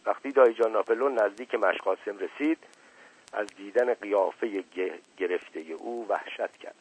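A man narrating a story in a measured reading. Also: on the low side, husky. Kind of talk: audiobook reading. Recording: tinny lo-fi radio broadcast, dry.

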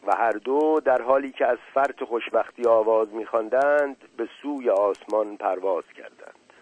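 A man narrating a children's story calmly and evenly. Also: medium pitch, dry recording, narrow, tinny audio. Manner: calm, even storytelling.

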